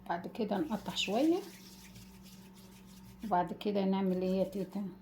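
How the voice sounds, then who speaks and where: A woman with an Egyptian accent hosting a casual home cooking demonstration, gently guiding viewers step by step and calling them her dears. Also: medium pitch, steady tone, normal speed, a little hiss or hum. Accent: Egyptian Arabic. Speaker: cooking channel host.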